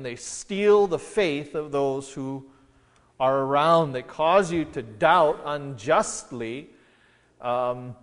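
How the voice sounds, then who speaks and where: A man's voice: on the high side, big-room sound. A pastor preaching an expository sermon in an earnest manner, stressing questions as he builds each point.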